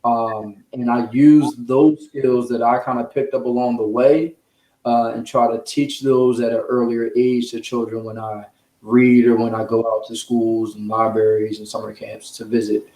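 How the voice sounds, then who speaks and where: In an echoey room, a man from the United States, a children's author and sports journalist, takes interview questions as a guest. His warm mid-range voice is flat in delivery and normal in speed, his manner earnest, explanatory and conversational.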